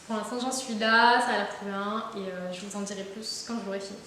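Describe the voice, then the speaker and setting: A woman's voice: mid-range voice, steady tone, fairly quick, sharp tone. A young woman chatting casually about books, full of fillers, restarts and enthusiasm. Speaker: book vlogger. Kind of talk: casual book haul chat. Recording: very echoey room with faint hiss.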